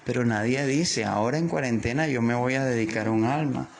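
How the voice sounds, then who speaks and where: A man's voice: mid-range voice, brisk, gravelly, slight background noise. A man with a Colombian coastal accent preaching a devotional, fervent and repetitive, stretching out key words for emphasis. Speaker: pastor.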